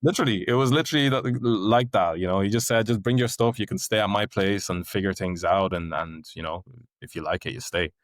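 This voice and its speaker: A man born in Nigeria and raised in Ireland, hosting a relaxed, easygoing podcast chat. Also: low-pitched, brisk, dry recording, clean studio sound. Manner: relaxed, easygoing, lots of backchannel. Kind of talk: casual chat.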